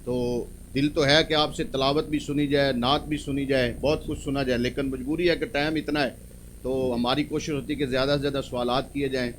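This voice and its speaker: A man's voice: mid-range voice, flat delivery, brisk, a little hiss or hum, rough recording. A man hosting a religious talk show, courteous and full of pious interjections. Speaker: host.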